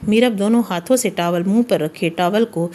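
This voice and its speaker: A woman narrating a romance novel as an audiobook in a steady storytelling read. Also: mid-range voice.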